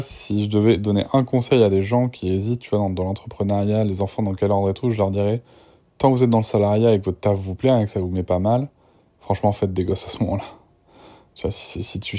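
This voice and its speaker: Tired young man with a low, mellow voice. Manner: tired, rambling, many restarts. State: exhausted. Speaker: father recording voice diary. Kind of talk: casual spoken voice memo.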